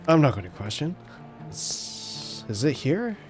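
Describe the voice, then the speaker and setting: Male player, low but animated voice, casual gameplay chat, soft music behind. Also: a little slow. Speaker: video game player. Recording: faint game music behind.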